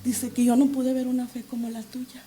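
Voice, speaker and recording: A woman with a high voice tells her religious testimony as a guest on an interview show. She speaks with fervor and reenacts her pleas to God aloud. She sounds middle-aged. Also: level tone, moderate pace, warm tone, a little hiss or hum.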